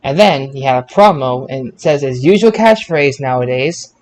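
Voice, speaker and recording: A podcast co-host recaps wrestling shows casually, bantering and stumbling over his words now and then. His voice is mid-range with lively intonation at a normal speed.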